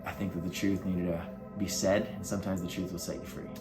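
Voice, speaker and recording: A man with a fairly low voice speaks as a life coach, offering earnest, motivational advice in a loose, casual manner. He leans on fillers as he talks straight to the viewer. Faint music plays behind him. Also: flat delivery, fast. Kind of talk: motivational advice talk to camera.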